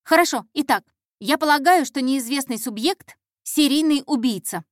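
Brief: anxious young cub reporter girl, stammering and rambling, pitched up, read by a woman narrator. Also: moderate pace, no echo, studio quality, close to an everyday voice. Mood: flustered. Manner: hesitant, stumbling, fumbling for words. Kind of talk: audiobook character voice.

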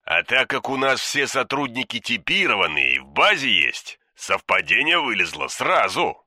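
A man voicing a gruff, blunt older police chief who grumbles and presses hard, in an audiobook reading. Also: mid-range voice, very animated, moderate pace, sharp tone, no echo, studio quality, full character voice. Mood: grim.

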